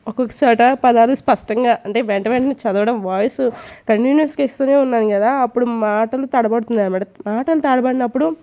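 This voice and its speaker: A woman's voice: on the high side, a little fast, mellow. A woman storyteller reading a serialized story aloud, carrying on straight through her slips. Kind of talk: storybook narration.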